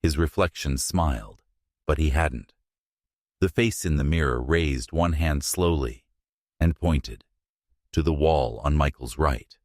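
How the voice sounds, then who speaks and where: A man narrating a scripted horror story in a hushed, suspenseful manner, in short, measured phrases. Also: rumbling low, no echo, studio quality.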